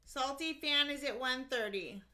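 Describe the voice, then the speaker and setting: A woman's voice: sits high, measured pace, sharp tone. A woman calling bids in an auctioneer's manner, announcing amounts and countdowns in short clipped phrases.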